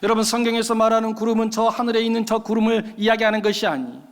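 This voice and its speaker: A male pastor delivering a sermon, telling a story in an animated way and addressing the congregation. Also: sits high, quick pace, clear, resonant tone. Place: church sanctuary. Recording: long reverb of a church hall.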